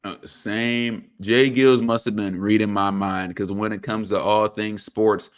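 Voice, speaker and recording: A man co-hosting a sports talk show, relaxed and playful with slang. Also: on the low side, unhurried, smooth.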